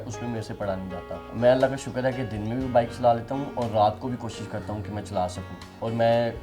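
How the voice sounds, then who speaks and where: A young man answering interview questions in an earnest, soft-spoken, slightly halting way. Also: medium pitch. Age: young adult. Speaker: interviewee, musician.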